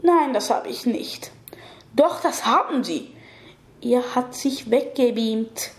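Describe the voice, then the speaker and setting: Croaky, cold old wizard, read by a woman, slightly high, roomy sound. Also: animated, slow pace. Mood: stern. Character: ancient powerful male wizard, gruff and unmoved. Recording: echoey room.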